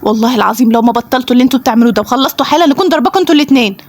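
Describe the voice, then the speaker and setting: Woman playing a frazzled Egyptian mother, high-pitched and quick, nagging and threatening, casual toy play. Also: slight background noise, close to an everyday voice. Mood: exasperated. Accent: Egyptian Arabic. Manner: exasperated rapid scolding, threatening. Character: harried mother scolding her two children. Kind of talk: playful toy role-play voicing.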